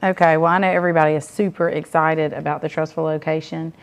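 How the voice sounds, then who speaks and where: A woman hosting a local talk show, bubbly and quick to laugh. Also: low-pitched, flat delivery, smooth. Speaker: host. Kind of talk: casual studio talk.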